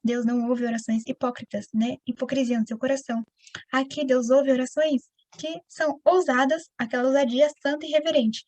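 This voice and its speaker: A woman with a Brazilian Portuguese accent teaching the Bible in a conversational, animated way, often addressing her listeners directly. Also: sits high, a little fast, dry recording. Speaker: preacher.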